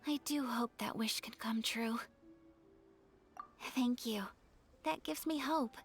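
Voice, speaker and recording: A refined young noblewoman from an anime-style game. Her voice is high and soft, with slow, measured phrasing. She sounds courteous, earnest and tenderly wistful. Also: soft background music. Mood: gentle, hopeful.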